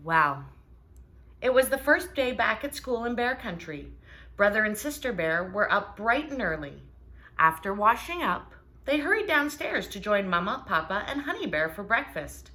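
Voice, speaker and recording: Animated woman storyteller for children, bright and expressive, pausing to ask questions. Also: medium pitch. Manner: animated, asks listeners questions. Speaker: storybook reader. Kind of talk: children's storytime read-aloud.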